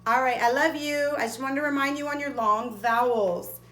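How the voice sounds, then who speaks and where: A woman's voice: sits high, moderate pace, fairly bright tone, roomy sound, slight background noise. A woman teacher giving a cheerful phonics lesson to young children, sounding out letters and words one by one. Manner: cheerful and encouraging.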